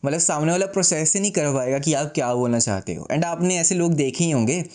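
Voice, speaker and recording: A man talking to camera in a casual advice vlog, speaking slowly and deliberately with pauses, mixing English phrases in and making self-deprecating jokes while seated indoors. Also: on the high side, expressive, darkish tone. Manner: slow, composed, deliberate delivery with pauses; mixes English phrases into Hindi. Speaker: YouTuber.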